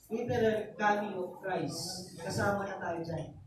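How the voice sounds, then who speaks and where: A man's voice: high voice, steady tone, unhurried. A man preaching a sermon as pastor, telling a story in a mix of Tagalog and English and often asking "diba?". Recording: echoey, distant church recording with noise.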